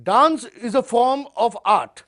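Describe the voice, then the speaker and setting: A man playing a pompous, self-important celebrity author in a comedy sketch mock interview, speaking in a deliberate, self-promoting way. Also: very high-pitched, a bit bright, full character voice.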